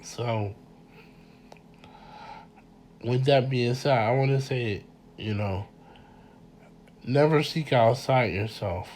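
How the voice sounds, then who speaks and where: A man with a congested voice giving an informal mini lecture, halting and repeating words as he speaks earnestly to his listeners. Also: mid-range voice, a little mellow, slight background noise. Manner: earnest, addresses listeners directly. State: congested from a cold.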